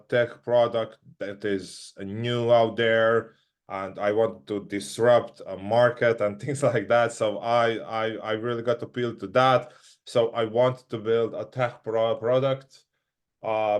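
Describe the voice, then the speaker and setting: Man from Croatia, slow halting speech, smooth clear voice, lots of restarts. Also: lowish voice. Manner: halting, with many restarts and repeated words. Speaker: guest entrepreneur. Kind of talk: casual interview talk.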